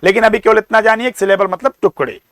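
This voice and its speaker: A man with an Indian accent giving a classroom lecture, explaining slowly, repeating and sounding out words. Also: high-pitched, a bit bright. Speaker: teacher.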